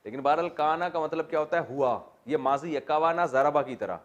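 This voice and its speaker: A man's voice: a little high, lo-fi sound. A man teaching a Quran exegesis class, explaining Arabic grammar and putting questions to his students with joking asides.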